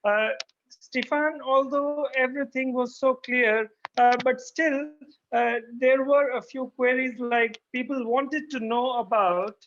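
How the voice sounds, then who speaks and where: Moderator, formal and courteous, measured delivery, dull lo-fi call sound. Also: sits high, steady tone, a bit bright. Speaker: host, moderator. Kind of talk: formal thanks and questions to a presenter.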